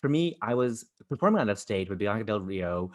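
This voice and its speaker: A man's voice: fairly low pitch, sing-song, brisk. A man hosting a podcast in casual chat, telling stories eagerly and chattily. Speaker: podcast host.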